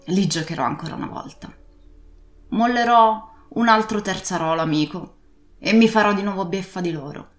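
A woman's voice: mid-range voice, natural voice. A woman voicing an old, drunken male pirate captain who pleads and rants, in an echoey room with faint music. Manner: pleading then blustering, ranting.

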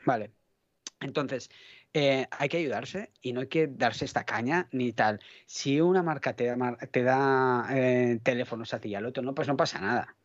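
A man's voice: medium pitch, normal speed, dry recording, lo-fi sound. A man from Catalonia with a faint Catalan accent, chatting as a podcast guest, rambling, hunting for words and swearing casually. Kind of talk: casual chat.

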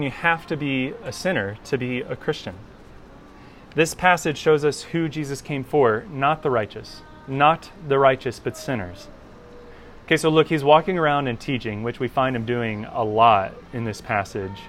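A man preaching a sermon in a relaxed, conversational, self-deprecating way. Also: medium pitch, a little hiss or hum. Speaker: pastor.

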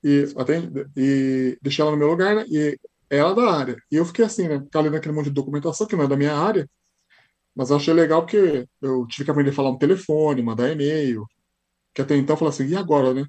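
Telling stories in relaxed chat, a Brazilian podcast guest with a São Paulo Portuguese accent performs the lines he quotes. He talks fast in a darkish-toned voice on the high side.

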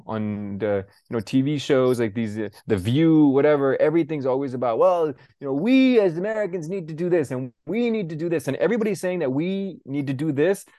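A man's voice: medium pitch, mellow, no room sound, clean studio sound. A young man in casual podcast chat, blunt and profane, ranting with lots of fillers. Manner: blunt, profane, fast-shifting rants. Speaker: podcast co-host.

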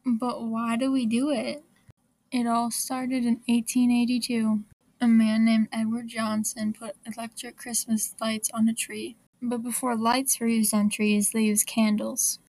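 Flat-voiced woman with deadpan humor. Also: on the high side, a little slow, no echo, rough recording. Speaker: presenter. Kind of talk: scripted informative talk.

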